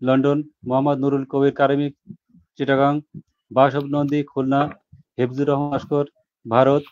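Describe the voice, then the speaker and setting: একঘেয়ে সুরে নাম পড়া পুরুষ. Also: male voice, on the high side. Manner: steady, monotone listing. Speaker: book editor. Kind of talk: reading a list of contributors. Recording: dull lo-fi sound.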